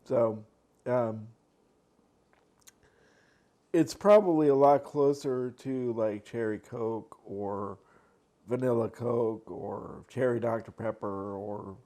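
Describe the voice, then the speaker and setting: Slow and warm, this man's mid-range voice leaves long pauses. He's a mukbang vlogger eating and chatting at home at a desk by his laptop, rambling through the casual talk with lots of fillers and false starts.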